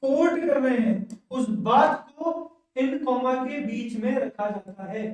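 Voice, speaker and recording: A man's voice: extremely high pitch, slow pace, a little mellow. Man lecturing in an echoey classroom. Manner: keeps asking the class rhetorical questions and adding "okay" checks. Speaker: English teacher. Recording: very echoey room, mic far off.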